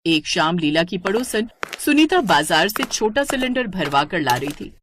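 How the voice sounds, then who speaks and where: A woman's voice: lowish voice, normal speed, slight background noise. A woman narrating a cartoon moral story. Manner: steady storytelling.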